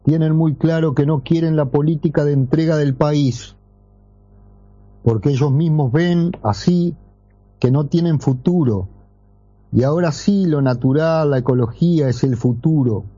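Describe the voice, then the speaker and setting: A middle-aged Uruguayan radio host talking casually, ironic and fond of rhetorical questions. His voice sits a bit high but sounds mellow and dark. It comes through a dull, muffled AM radio broadcast. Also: unhurried, breathy edge. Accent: Uruguayan Spanish. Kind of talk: casual radio talk and commentary. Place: radio studio.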